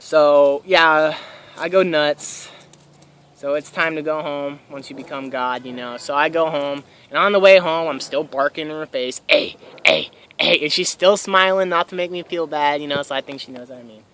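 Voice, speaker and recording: Young man, twenties, bright tense voice, somewhat high, excitable, swears a lot, casual storytelling. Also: moderate pace, a little hiss or hum. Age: 20s. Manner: excitable, swears freely, laughs often. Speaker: vlogger. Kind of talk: casual first-person storytelling.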